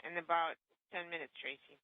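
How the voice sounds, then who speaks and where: A man's voice: on the high side, steady tone, a little fast. A man talking over a radio transmission as a spacecraft communicator, in clipped protocol phrases. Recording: lo-fi radio link with static.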